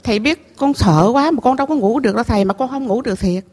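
A middle-aged woman with a Southern Vietnamese accent gives an emotional personal testimony to a temple master. Her voice sits a little high for a woman. She talks in halting, repeated phrases, with an earnest, confiding manner. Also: darkish tone. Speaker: temple visitor telling her story.

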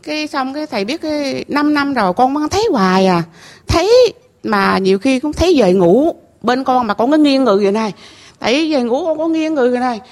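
A middle-aged woman with a Southern Vietnamese accent, her voice a bit high for a woman and expressive, tells a temple master her story in an emotional testimony. Her manner is earnest and confiding, her phrases halting and repeated.

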